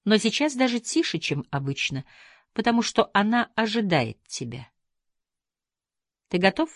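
A woman voicing a guarded, sharp-tongued young woman who speaks in a cool, icy and curt way. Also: medium pitch, very animated, normal speed, no room sound, studio quality, voice pushed up.

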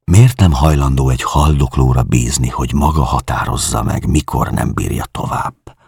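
A man reading an audiobook, voicing a calm, skeptical male listener who speaks cautiously and in a measured way. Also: extremely low pitch, gravelly, breathy edge, no echo, studio quality, heavily acted.

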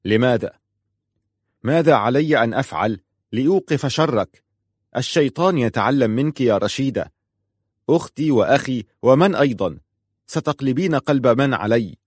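A man's voice: mid-range voice, animated, moderate pace, pauses often, slightly rough, no room sound, clean studio sound. A man reading a storybook, voicing an angry, bitter man who accuses his cousin in heated questions. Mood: angry accusing.

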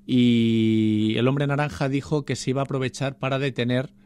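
A man's voice: medium pitch, flat delivery, normal speed, a little mellow, smooth. A man from co-hosting a podcast, making dry offhand remarks in casual chat. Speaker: podcast co-host.

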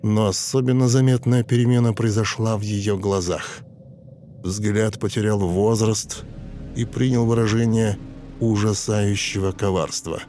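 Low-voiced male audiobook narrator. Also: fairly even intonation, a little slow. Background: soft music.

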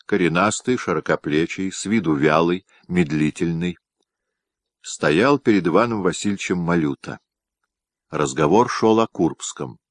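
A man narrating a historical novel aloud in a measured, expressive reading. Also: low-pitched, no echo, studio quality. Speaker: audiobook narrator.

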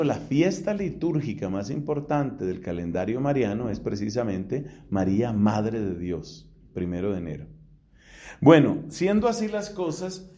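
Mellow-voiced priest giving a theology lecture. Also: male voice, medium pitch. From Colombia. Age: middle-aged. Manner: explanatory, asks rhetorical questions and answers them.

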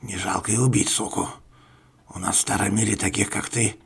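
A man's voice: lowish voice, steady tone, fairly quick, creaky, slightly rough, full character voice. A man voicing a hateful, contemptuous male thug who speaks in a sneering half-whisper.

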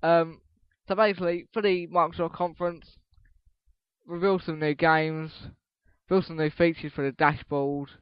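A teenage boy with a slightly high voice runs his solo podcast, rambling loosely, cursing offhandedly and breaking off mid-sentence. The recording is dry and dull, like a cheap home mic. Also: clear, resonant tone, no room sound. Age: teens. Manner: rambling, swears casually, restarts sentences. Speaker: podcast host.

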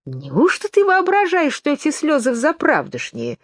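A woman's voice: medium pitch, animated, unhurried, a little mellow, dry recording, studio quality, natural voice. A woman voicing a smug, quarrelsome little twin brother who lectures and contradicts, in a storybook reading.

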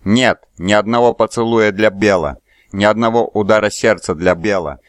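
A man's voice: on the low side, normal speed, no room sound, studio quality, natural voice. Man reading a frenzied jealous priest. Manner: shouting in frantic bursts. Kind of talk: audiobook character voice.

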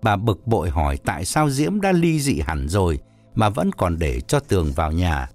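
Brief: male audiobook narrator, lively rising-and-falling delivery, faint music underneath. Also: low-pitched, normal speed. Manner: expressive storytelling. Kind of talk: scripted narration.

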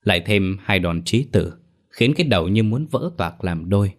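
A man reading a horror story aloud as a storyteller, in a measured, slow manner. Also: sits low, lively intonation. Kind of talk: scripted horror story narration.

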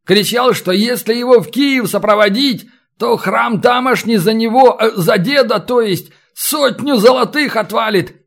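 Man doing a terrified bandit, pleading, panicky, high, shouting, audiobook. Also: measured pace, full character voice. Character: terrified young male bandit begging for life.

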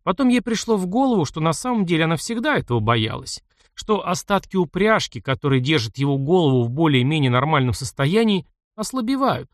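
A man narrating an audiobook in a measured, expressive reading voice. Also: on the high side, no echo, clean studio sound.

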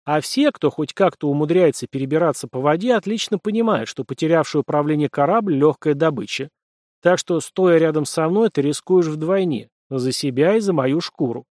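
A wry, seasoned Norse helmsman, as a male narrator puts him on, explaining things with knowing calm. The voice sits a little high and the sound is dry. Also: moderate pace, dry recording, natural voice.

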